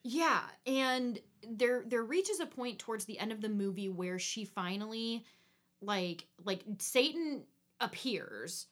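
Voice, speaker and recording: A woman's voice: fairly high pitch, animated, slow pace, a bit bright. Chatty woman podcast co-host. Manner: chatty, many "like" fillers, acts out characters' lines. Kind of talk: casual chat reviewing a movie.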